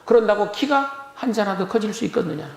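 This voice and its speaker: In a church sanctuary with a roomy sound, a male pastor delivers an emphatic Sunday sermon, using rhetorical questions and repeating phrases for emphasis. His voice is high, brisk, and creaky.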